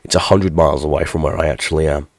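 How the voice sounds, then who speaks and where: A man in his thirties, congested from a cold, rambles through an update for his tech tutorial channel, correcting himself as he goes. His voice sits extremely low with a heavy gravelly fry. The recording is dry and close, with no room sound. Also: steady tone, fast, no echo. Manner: rambling, self-deprecating, restarts mid-sentence. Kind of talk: casual channel update with screen walkthrough.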